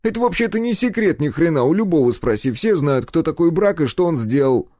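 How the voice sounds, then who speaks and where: A man voicing a cheeky, loud-mouthed young man who blurts remarks in an audiobook. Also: a little high, very animated, fairly quick, no echo, clean studio sound, voice pushed up. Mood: brash. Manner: brash, blurting, dismissive.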